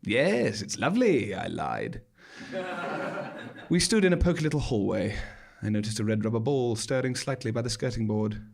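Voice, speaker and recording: Performing live on a small theatre stage, a man delivers a scripted first-person story in an arch, droll, dramatic style. His voice is lowish and sing-song with a darkish tone and vocal fry, moving at a moderate pace. He's a monologue performer.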